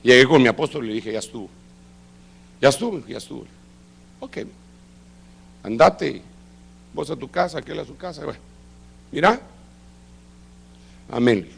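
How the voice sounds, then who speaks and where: A middle-aged man preaching, telling a testimony with lively acted-out dialogue. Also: mid-range voice, normal speed, gravelly, long pauses, slightly rough. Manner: animated storytelling, acting out quoted dialogue. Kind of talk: sermon testimony. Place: church service.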